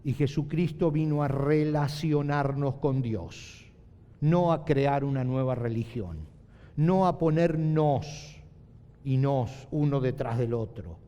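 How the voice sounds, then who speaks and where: A middle-aged male pastor preaching a sermon, emphatic, repeating key phrases and slowing down to stress them. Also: mid-range voice, dark tone, dull audio. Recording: long hall reverb.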